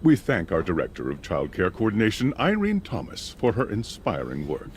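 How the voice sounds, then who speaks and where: A glib male corporate announcer in a game. He reads upbeat scripted welcomes with hugely animated intonation, over faint noise. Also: deep voice, moderate pace.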